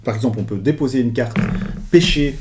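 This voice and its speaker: A man co-hosting a board game review, explaining the rules in casual chat, animated and often correcting himself mid-sentence. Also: medium pitch, fairly quick, noisy background. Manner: animated, self-correcting, finishes his partner's sentences.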